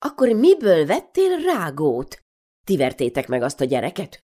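A woman reading aloud, voicing an exasperated mother who scolds her daughters with rapid-fire nagging questions. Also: low voice, wildly swooping pitch, mellow, exaggerated voice.

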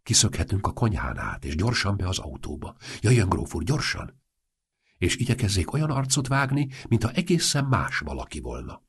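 A man voicing a quick-witted, practical painter who speaks urgently and briskly. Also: fairly low pitch, very animated, breathy edge, exaggerated voice.

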